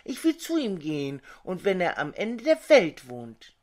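Woman voicing a bold little bird in a fairy tale, lively and slow. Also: fairly low pitch, full character voice. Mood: indignant.

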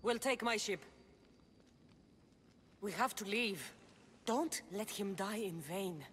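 A woman's voice: mid-range voice, expressive, slow, fairly bright tone, a little hiss or hum. An actress voicing a resolute female mercenary warrior in a video game, speaking firmly and directly. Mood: firm, urgent. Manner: firm, direct, earnest. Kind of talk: dramatic video game acting.

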